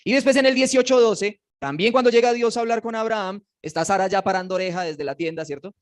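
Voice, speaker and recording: A man teaching a casual Bible class, animated and joking, and putting questions to his students. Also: high-pitched, quick pace. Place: classroom with slides.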